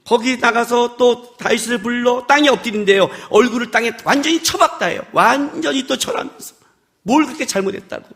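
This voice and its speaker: A man preaching a sermon in a church worship service, chatty and animated, firing rhetorical questions at the congregation and acting out scolding lines in sudden loud bursts. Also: extremely high pitch, brisk, hardly any pauses. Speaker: pastor.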